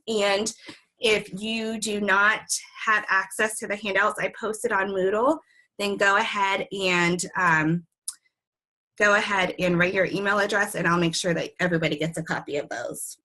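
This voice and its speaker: A young woman presents a webinar session at an online conference, her voice worn as she recovers from a recent illness, and she fills it with ums and friendly asides. Her medium-pitched voice is bright and forceful, steady in tone at a normal speed, though the recording is rough.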